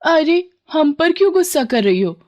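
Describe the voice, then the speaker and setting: A woman's voice: sits high, sing-song, normal speed, a little mellow, muffled recording, pitched above the performer's own voice. A woman voicing gossiping village women, chatty and defensive. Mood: gossipy.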